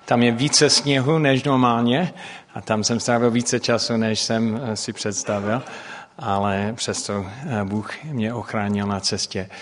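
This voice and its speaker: A middle-aged man, a native English speaker speaking with an English-speaking accent, preaches through personal stories, haltingly searching for words and making grammatical slips. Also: medium pitch, fairly even intonation. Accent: English-speaking accent in Czech. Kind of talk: sermon with personal storytelling. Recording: long hall reverb.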